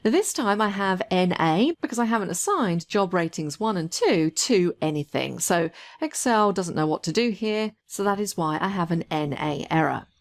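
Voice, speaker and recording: Female tutorial narrator, lower pitch, animated intonation, step-by-step explanation. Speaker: software trainer. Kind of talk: screen-recorded tutorial narration.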